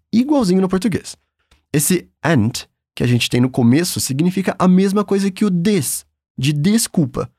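A Brazilian-accented man leads a language lesson in a fairly high, very lively voice. He is patient and encouraging, and sounds upbeat. The recording is dry and close. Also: husky, dry recording. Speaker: German teacher.

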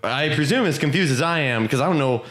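A man on a podcast tells a film's plot in a lively, bouncing voice that sits a bit high, often breaking into laughter and goofy impressions of the characters. He sounds like he is in an echoey room. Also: quick pace. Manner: animated, laughing, acts out characters in silly voices. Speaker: podcast co-host. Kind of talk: casual movie recap.

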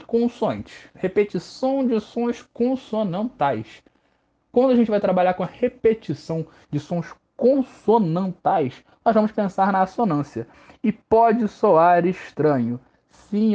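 A literature teacher and podcast host with a Brazilian Portuguese accent gives a casual podcast lesson on literature, relaxed and slangy, cracking jokes at his own expense as he explains. His voice is high-pitched, with the highs cut off.

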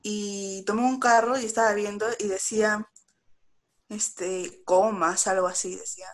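A young woman with a Peruvian Spanish accent, telling a story to friends in casual chat and quoting herself as she goes. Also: medium pitch. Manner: animated storytelling, quick bursts, quoting herself.

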